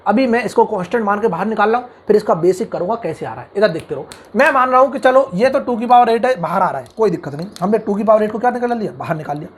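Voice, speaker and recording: A male tutor with a husky, somewhat breathy voice that sits fairly high for a man. He talks briskly through a calculus lecture, tossing questions at the class and answering them himself. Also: lively intonation. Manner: acts out imagined student objections in the class's voice. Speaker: engineering mathematics tutor. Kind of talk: online math lecture.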